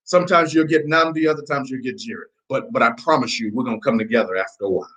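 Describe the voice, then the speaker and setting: With poor audio quality, a man speaks in a mid-range voice at a quick pace with a fairly bright tone. His accent moves between American and Nigerian as he delivers a motivational network marketing training, emphatic, repetitive, and preachy, quizzing his listeners along the way.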